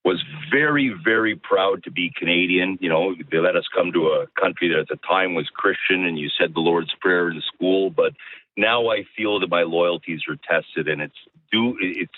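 A man's voice: deep voice, moderate pace. A man calling in to a radio show, speaking earnestly and with emphasis. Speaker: caller. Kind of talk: phone-in call. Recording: tinny phone line.

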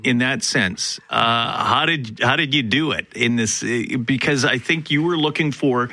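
A man hosts a radio news hour, interviewing guests with upbeat, joking, animated questions. His medium-pitched voice moves a little slowly, and the recording is dry.

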